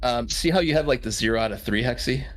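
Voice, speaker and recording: A man running a tabletop game as game master, explaining rules in a relaxed way with many fillers. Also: medium pitch, quick pace.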